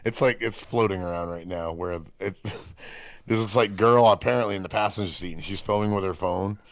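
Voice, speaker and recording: A man co-hosting a podcast in casual chat, laid-back and swearing, often mimicking people in a high voice. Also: a little fast, creaky, no room sound. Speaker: podcast co-host.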